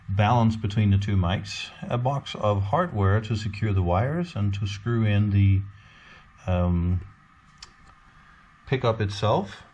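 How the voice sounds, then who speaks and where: A man's voice: on the low side, a little mellow, highs cut off, slight background noise. A man, a guitarist, talking casually through a step-by-step pickup install with lots of ums and uhs. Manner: casual, unhurried explaining with frequent ums and uhs. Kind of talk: step-by-step DIY tutorial.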